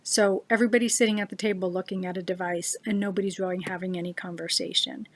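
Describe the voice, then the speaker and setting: A woman giving an earnest personal talk to a webcam, slowing down to stress her key words. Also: fairly low pitch, steady tone. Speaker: speaker giving a short talk. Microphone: webcam on a computer.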